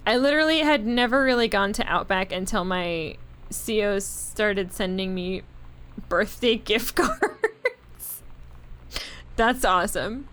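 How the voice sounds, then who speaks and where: A woman's voice: medium pitch, big pitch swings, slow, pauses often, fairly bright tone, clean tone. A young adult woman streamer giving casual, joking commentary while playing a game, giggly and swearing casually.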